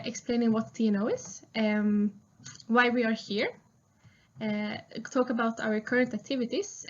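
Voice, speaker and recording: A woman's voice: fairly high pitch, a little mellow. Young Swedish woman, engineer presenting a recorded talk, friendly, lots of "uh", muffled lo-fi sound. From Sweden. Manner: friendly, frequent "uh" fillers. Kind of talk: prerecorded conference talk.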